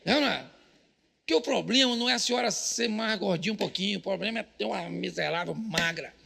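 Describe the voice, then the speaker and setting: A middle-aged man with a Brazilian Portuguese accent preaches live in church, his fairly high voice full of gravel. He's bright and forceful, firing off jokes and calling out to the congregation with shouted punchlines. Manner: jokey, rapid-fire preaching with shouted punchlines and audience call-outs. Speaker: pastor.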